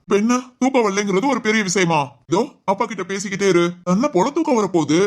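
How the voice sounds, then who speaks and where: A woman playing a gentle, encouraging middle-aged father in an amateur family drama, speaking in a fast, soothing way. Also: mid-range voice, lively intonation, natural voice. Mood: reassuring.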